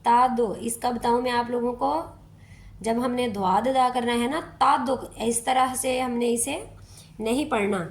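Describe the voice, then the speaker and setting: A woman, a Quran teacher explaining pronunciation rules step by step in a slow, patient way. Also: on the high side. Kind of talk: step-by-step recitation lesson.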